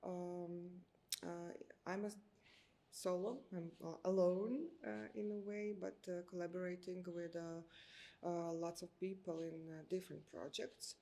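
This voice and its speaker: A woman in her thirties from Croatia with a Croatian accent, answering interview questions slowly and hesitantly, with many filler sounds as she searches for words. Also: on the low side, steady tone, creaky, dark tone. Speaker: architect.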